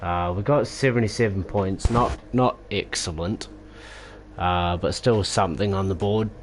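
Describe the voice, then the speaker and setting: Male streamer, low voice, tired, halting self-critical recap; light background hiss. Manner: rambling, self-critical, halting with many fillers. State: sore and tired. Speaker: sim racing streamer. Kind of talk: casual post-race wrap-up.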